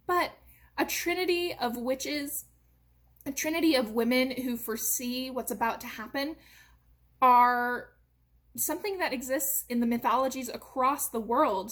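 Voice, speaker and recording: A young American woman from a theatre company giving an informal educational talk, lively and explanatory, with frequent "uh" and "um" fillers. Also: fairly high pitch. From United States.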